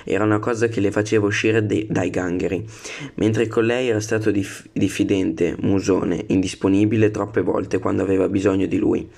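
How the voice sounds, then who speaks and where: Low, gravelly man reading a novel. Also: fairly even intonation, moderate pace, a little mellow. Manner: stumbles and corrects himself on words. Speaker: book reader.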